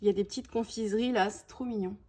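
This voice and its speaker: A woman's voice: medium pitch, steady tone, fast talker, dark tone, slight background noise. A woman presenting a scrapbooking collection in a casual show-and-tell, chatty and full of small "hop" and "voilà" asides. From France. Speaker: scrapbooking video host.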